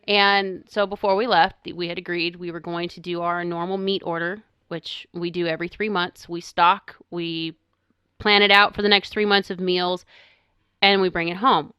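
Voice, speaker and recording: A middle-aged woman co-hosting a podcast, telling a story in an animated way and quoting herself as she goes. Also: on the low side, normal speed, clear, resonant tone, dry recording, muffled recording. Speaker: podcast co-host. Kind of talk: casual chat.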